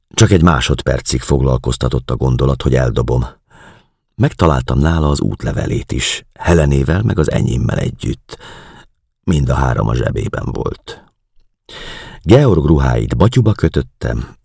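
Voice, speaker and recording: A man narrating a novel aloud in the first person, slow, subdued and measured. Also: extremely low pitch, vocal fry, darkish tone, slightly rough, no echo, studio quality. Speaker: audiobook narrator.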